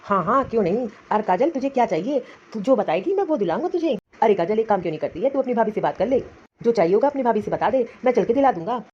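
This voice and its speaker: A woman's voice: on the high side, expressive, warm tone. A woman voicing an easygoing young husband and son in a cartoon story, agreeing readily. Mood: agreeable. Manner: easygoing, quick agreeable replies. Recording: dull, husky lo-fi recording.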